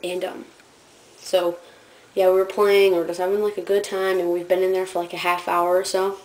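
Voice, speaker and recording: A woman's voice: on the low side, little pitch movement, a little fast, rough recording. A teenage girl telling rambling stories about school in a casual vlog, giggling and filling her talk with fillers. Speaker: student vlogger.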